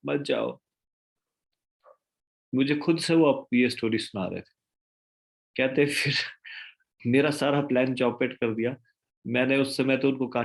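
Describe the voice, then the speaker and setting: A man's voice: medium pitch, lo-fi sound. A man giving a devotional scripture lecture, telling stories, asking rhetorical questions and slipping in English phrases. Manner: storytelling, mixing in English phrases. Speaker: spiritual lecturer.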